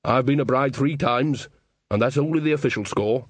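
A man's voice: medium pitch, moderate pace, breathy edge, dry recording, close to an everyday voice. A man voicing an earthy, shrewd old woman witch who talks in a folksy, blunt, teasing way. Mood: wry. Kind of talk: audiobook character reading.

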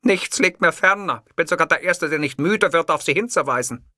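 A man putting on a pompous, self-assured older dictator who declaims every line with haughty emphasis. The voice sits raised and bright, read in an audiobook. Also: on the high side, expressive, fairly quick, no room sound, clean studio sound, voice pushed up. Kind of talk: audiobook character voice.

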